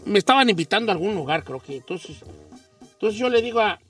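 Guy hosting radio banter, really high bright voice, kinda off mic, music under it. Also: quick pace, breathy edge, recorded from a distance. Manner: playful, teasing, animated storytelling. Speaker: radio show host. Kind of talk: casual banter on a comedy radio show.

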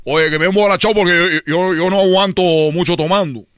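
Un hombre imitando a un cubano relajado y parlanchín, con acento cubano exagerado y voz fuerte. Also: male voice, high-pitched, fairly even intonation, fast, a bit bright, dry recording, clean studio sound, pitched below the performer's own voice. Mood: breezy. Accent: Cuban Spanish impression. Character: chatty Cuban man, breezy and relaxed.

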